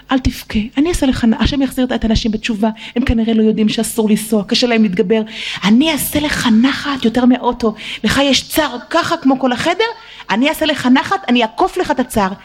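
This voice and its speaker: A middle-aged woman telling a sermon story to girls, leaping high and slow into quoted and prayed lines, tearful at times. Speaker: religious teacher addressing girls.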